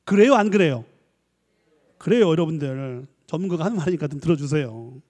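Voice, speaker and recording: Animated man lecturing in a reverberant hall. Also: on the high side, brisk. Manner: animated, acts out dialogues, coaxing the audience. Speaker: professor giving a church lecture. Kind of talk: lively lecture sermon. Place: church hall.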